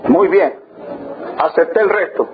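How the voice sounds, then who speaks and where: A man's voice: high voice, measured pace, phone-quality sound, slight background noise. A man preaching a storytelling sermon, emphatic and repeating his key phrases.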